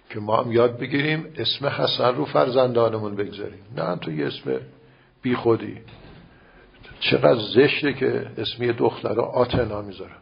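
An older male cleric preaches in a heavily gravelly, rough and husky voice, talking to his listeners in a relaxed, storytelling manner and repeating phrases for emphasis. The recording sounds somewhat dull and lo-fi. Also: medium pitch. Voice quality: gravelly and raspy. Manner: conversational preaching with anecdotes and repetition. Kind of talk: sermon.

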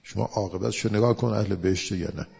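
Male preacher, gravelly voice, breathy edge, long hall reverb, muffled lo-fi recording. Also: lowish voice. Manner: chants Arabic quotations slowly and loudly. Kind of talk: sermon with storytelling. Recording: echoey hall, dull lo-fi sound.

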